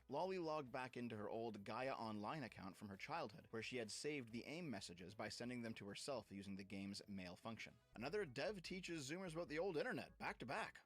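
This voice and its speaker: A man reads scripted documentary commentary at a brisk clip. His tone is wry and scornful, at a mid pitch. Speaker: documentary narrator.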